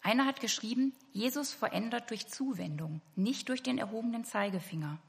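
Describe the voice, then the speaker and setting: A woman's voice: fairly high pitch, animated, a little fast, gravelly. A woman preaching a sermon to her congregation, earnest and speaking to them directly. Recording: hall reverb.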